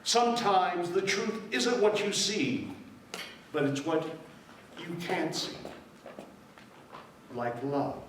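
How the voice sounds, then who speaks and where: A man telling a story at a live event, expressive and drawn out. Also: high-pitched, slow pace, long pauses, a little hiss or hum. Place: event hall. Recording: echoey hall from far off.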